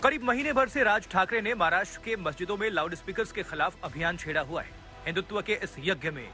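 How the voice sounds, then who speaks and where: Talking fast with lively intonation, a reporter with a high voice narrates a TV news video package from a script. His reading is emphatic and dramatic, set against a music bed.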